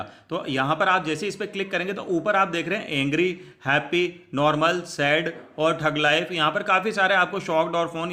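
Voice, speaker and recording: A man's voice: fairly high pitch, sharp tone. A man giving a step-by-step screen tutorial, talking his viewers through each click and calling them friends. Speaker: tutorial host.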